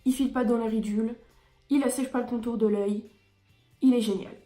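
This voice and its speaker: A woman's voice: on the high side, steady tone, a little fast, mellow, echoey room, faint music behind. A woman beauty vlogger reviewing her favourite products in a chatty, enthusiastic way with frequent hesitations.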